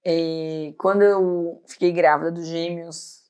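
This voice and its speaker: A woman in her thirties, a pediatrician guest on an interview show, talking loudly and animatedly in casual chat. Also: on the low side. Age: 30s. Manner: loud, animated, talks fast and laughs easily.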